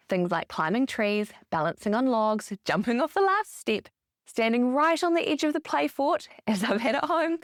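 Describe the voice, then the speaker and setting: A woman's voice: medium pitch, no room sound. Upbeat woman hosting a dry podcast. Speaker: podcast host. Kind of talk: scripted podcast monologue.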